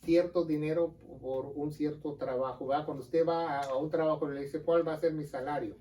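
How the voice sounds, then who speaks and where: Earnest pastor with a mellow Mexican accent. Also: male voice, a little high, fairly even intonation, recorded from a distance, poor audio. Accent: Mexican Spanish. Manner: earnest, explains scripture, quick aside jokes. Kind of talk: casual teaching chat on a religious show.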